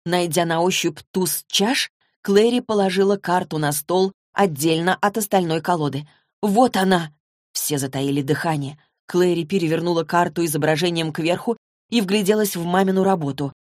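A woman narrating a novel in an even, measured reading. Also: on the low side, dry recording, clean studio sound. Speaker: audiobook narrator. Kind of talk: scripted narration.

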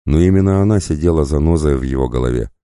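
A man reading a dark fantasy story aloud as an audiobook narrator, in a measured, grave way. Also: very deep voice, no echo, clean studio sound.

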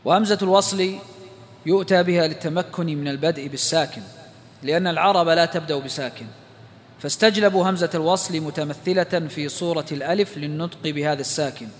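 رجل يشرح درسًا دينيًا في قاعة ذات صدى. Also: male voice, a little high, fast, in a large hall, slight background noise. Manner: explains rules step by step, quotes verses and poetry. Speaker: Quran recitation teacher. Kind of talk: religious lesson lecture.

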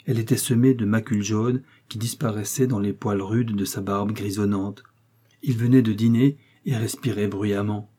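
Husky, mellow male audiobook narrator. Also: fairly low pitch. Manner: measured, expressive reading. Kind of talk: literary narration.

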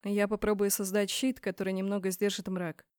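A woman's voice: medium pitch, flat delivery, brisk, a little mellow, no room sound, studio quality, natural voice. A woman voicing a cautious young male mage friend in an audiobook. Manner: cautious, questioning.

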